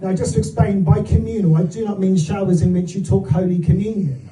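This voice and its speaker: A man's voice: high-pitched, quick pace, crowd noise. A middle-aged man with an English accent performing stand-up comedy in front of an audience, telling anecdotes conversationally with set-ups and punchlines. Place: live comedy gig before an audience. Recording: echoey room, recorded from far off.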